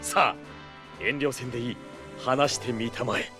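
An actor playing a pompous, earnest older brother who poses as a masked knight of justice, speaking in formal, grandiose phrases in an audio drama. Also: male voice, mid-range voice, measured pace, music in the background, natural voice. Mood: grandiose, triumphant. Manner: formal, archaic, theatrical and grandiose. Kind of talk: Japanese audio drama acting.

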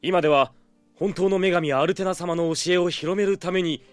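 Audio drama: male actor as pompous, earnest masked hero, high-pitched and swooping, archaic grand diction, dry sound over music. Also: steady tone, normal speed, no room sound, natural voice. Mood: earnest, brotherly. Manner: formal, archaic, theatrical and grandiose. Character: pompous, earnest older brother posing as a masked knight of justice. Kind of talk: Japanese audio drama acting.

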